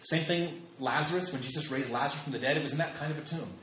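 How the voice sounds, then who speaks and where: A man's voice: a little high, fast talker, fairly bright tone, a little hiss or hum. A man in his thirties preaching a sermon, emphatic and repeating phrases for stress. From United States. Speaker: pastor. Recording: echoey hall with faint ambience.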